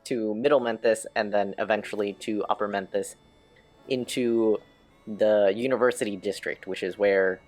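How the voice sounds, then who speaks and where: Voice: mid-range voice, steady tone, moderate pace, darkish tone, soft background music. The game master of a tabletop game, narrating scenes and rulings with a playful manner and frequent laughter.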